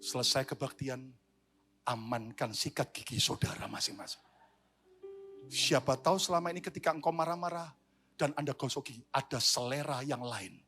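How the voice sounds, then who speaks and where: A man preaching a lively sermon as pastor, leading the congregation in call-and-response. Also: mid-range voice, moderate pace, faint music behind.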